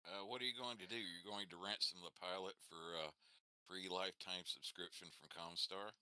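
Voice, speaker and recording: A man with a low voice and a very bright edge delivers dry, sarcastic quips. The sound is close and dry. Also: fairly even intonation, fairly quick, smooth, dry recording. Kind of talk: casual game chat.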